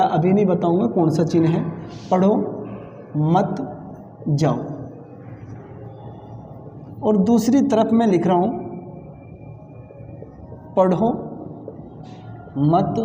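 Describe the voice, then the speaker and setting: A man teaching an exam-prep grammar lesson, explaining slowly and repeating key points with pauses. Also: high voice, warm tone, lo-fi sound, a little hiss or hum. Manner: slow, repetitive explaining with pauses. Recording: echoey room with long reverb.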